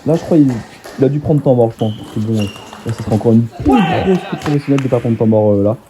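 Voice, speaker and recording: A young man talking over his own table tennis match, excitable and self-mocking. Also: medium pitch, fast, crowd noise. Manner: excitable, self-mocking, laughs often, swears casually. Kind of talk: casual match commentary voice-over.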